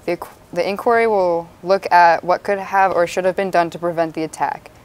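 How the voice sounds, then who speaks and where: A woman's voice: on the low side, steady tone, moderate pace. A young woman reading scripted news as an anchor on a student mock newscast.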